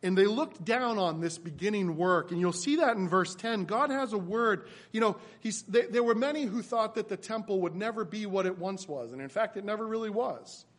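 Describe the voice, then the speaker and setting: A man preaching a sermon as pastor, building to loud emphatic peaks and then dropping soft and low. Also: lively intonation, moderate pace, few pauses.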